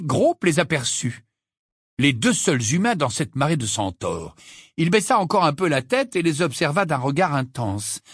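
A man reading a fantasy novel aloud as an audiobook narrator, in a dramatic, expressive way. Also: medium pitch, slightly rough, no echo, clean studio sound. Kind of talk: scripted narration.

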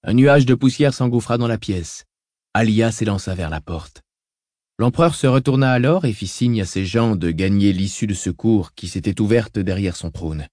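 A man narrates a story in a measured, dramatic way. His voice sits on the low side, and the recording is close and dry, with no room sound. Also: animated, a little mellow, no echo. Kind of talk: scripted audiobook narration.

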